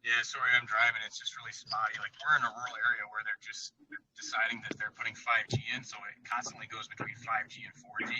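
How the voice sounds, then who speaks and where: A man calling in while driving, his voice very bright and sharp over a spotty car phone line with faint noise behind it. He rambles casually, pausing often and restarting his sentences. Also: fairly low pitch, flat delivery. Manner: rambling, many fillers and restarts. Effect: calling in from a moving car over a spotty mobile connection. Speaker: podcast guest, contest entrant. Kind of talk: casual chat.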